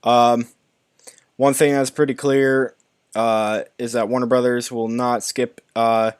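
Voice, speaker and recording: A young man with a mid-range, resonant voice hosts a YouTube live stream, reading movie news articles aloud and commenting on them. He speaks slowly and clearly in a level tone, though he often stumbles and restarts words. The recording is clean studio sound with no room echo.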